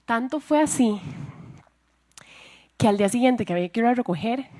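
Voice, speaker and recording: A woman's voice: on the high side, lively intonation, moderate pace, dark tone. A young woman with a Costa Rican accent giving a church talk to women, sharing a personal testimony and asking her listeners questions. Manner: confiding, asks the audience questions. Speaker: speaker at a women's church event.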